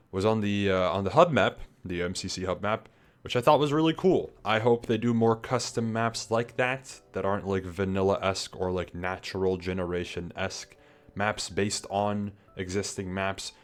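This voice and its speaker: A man talking as a YouTuber reviewing a gaming event, slightly out of breath, rambling casually with lots of fillers and restarts. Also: lowish voice. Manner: loose, chatty, full of fillers and restarts.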